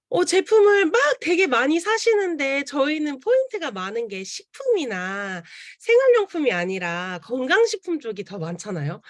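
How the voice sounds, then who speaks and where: Young woman telling her story, lively pitch. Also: no echo, clean studio sound. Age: young adult. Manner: earnest storytelling that acts out quoted lines. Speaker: seminar speaker. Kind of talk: testimonial talk at an online seminar. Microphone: video call.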